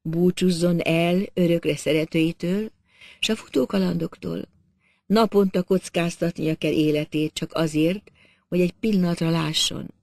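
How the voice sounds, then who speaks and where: A man voicing a mysterious young masked woman who speaks with intense, commanding slowness in a storybook reading. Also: high-pitched, gravelly, no echo, clean studio sound. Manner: intense, commanding, slow deliberate threats.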